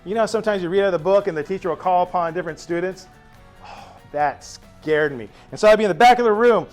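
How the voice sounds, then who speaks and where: A man teaching a first-day class, telling stories to his students in an animated way with drawn-out asides. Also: sits high, faint music behind.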